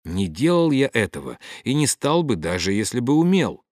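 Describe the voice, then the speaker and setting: A man reading the part of a gentle, patient young priest in an audiobook. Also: mid-range voice, moderate pace, no echo, clean studio sound, natural voice. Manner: soft and calm.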